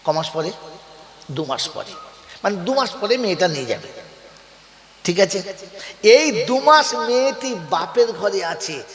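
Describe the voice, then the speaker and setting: A man's voice: high voice, very animated, a little slow, pauses often, fairly bright tone, echoey room, long reverb tail. A man preaching a sermon to a gathering, calling out questions for the crowd to answer and telling folksy stories with acted quotes. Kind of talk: Bengali waz sermon to a crowd.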